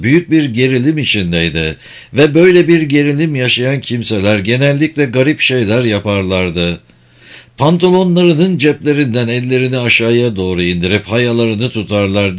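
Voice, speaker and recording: A man reading an audiobook in a calm, measured narration. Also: mid-range voice.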